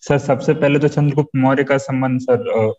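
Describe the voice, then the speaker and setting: A man's voice: medium pitch, level tone, a little fast, darkish tone. Hesitant young male student. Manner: polite, hesitant, says "sir" often. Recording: dull lo-fi classroom recording.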